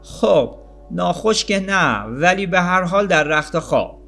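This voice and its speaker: A man putting on a gentle loving mother. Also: high-pitched, expressive, vocal fry, faint music behind, pitched above the performer's own voice, full character voice. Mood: tender. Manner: soft, coaxing, smiling.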